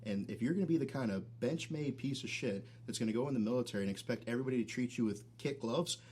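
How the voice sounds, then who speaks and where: A man's voice: mid-range voice, fast, a little mellow, a little hiss or hum. A man, a military veteran and podcast guest, chatting casually and bluntly with heavy swearing. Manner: profane, blunt. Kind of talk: casual chat.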